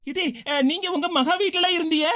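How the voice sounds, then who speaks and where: Timid young bride, a woman voicing her high and quick. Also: fairly even intonation, sharp tone. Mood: meek. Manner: hesitant, meek. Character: timid young daughter-in-law.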